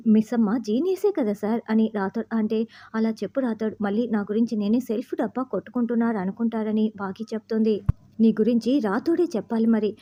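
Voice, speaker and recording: Woman narrating a story, kinda high voice, reads the quotes plain, slightly muffled lo-fi sound. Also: slight background noise. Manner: even retelling, voicing quoted lines plainly in her own voice.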